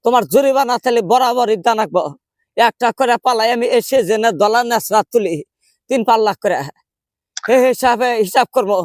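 A man plays a quarrelsome old village grandmother in a comic prank call, speaking rural Bangladeshi dialect in a high pitch. She is indignant and insistent, complaining, arguing and haggling stubbornly in a steady tone at a brisk pace. The recording is dry, with no room echo.

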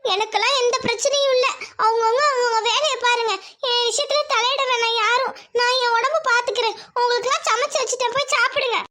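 A woman's voice: very high-pitched, steady tone, fast, pushed and bright. A woman voicing a proud, stubborn village wife in a cartoon who is sick with fever and refuses help. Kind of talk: cartoon voice acting.

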